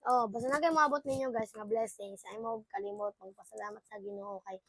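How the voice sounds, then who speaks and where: Brisk and mid-range in pitch, this young woman's voice carries a casual unboxing vlog. She's excitable, exclaims a lot, and blends English with local talk.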